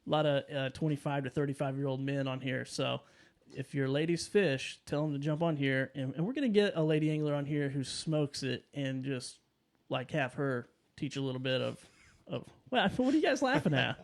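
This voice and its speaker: A man's voice: medium pitch, fairly even intonation, moderate pace. A man in his thirties hosting a podcast in a studio, chatty and upbeat with loose, rambling phrasing. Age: 30s. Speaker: podcast host. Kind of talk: casual podcast chat.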